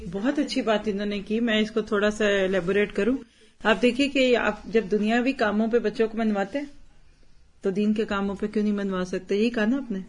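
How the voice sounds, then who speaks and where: A woman giving a religious talk as a teacher, persuasive and full of rhetorical questions, slipping English words into her speech. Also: medium pitch.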